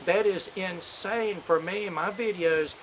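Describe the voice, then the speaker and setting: A man's voice: sits high, slow pace, a bit bright, low-quality recording. A man talking casually to camera as a channel host, rambling and opinionated, in an informal way. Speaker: knife review channel host. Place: outdoors on a back porch in a storm. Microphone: phone camera. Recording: windy outdoor phone audio, storm noise.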